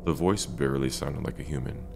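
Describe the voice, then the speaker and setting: A man narrating a first-person scary story in a dramatic way with deliberate pauses. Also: rumbling low, creaky, music in the background.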